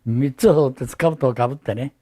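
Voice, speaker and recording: An elderly man with a Hiroshima accent gives oral testimony as a survivor, telling his memories in a halting, reflective way. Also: medium pitch, warm tone. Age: elderly, 80s or older. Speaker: atomic bomb survivor giving testimony. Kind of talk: recorded oral testimony, reminiscing.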